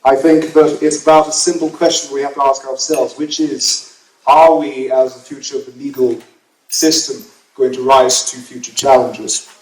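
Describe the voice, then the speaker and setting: A man's voice: mid-range voice, flat delivery, normal speed, darkish tone. A young man giving an earnest, uplifting award acceptance speech at a gala dinner. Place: banquet hall at gala dinner. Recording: echoey banquet hall.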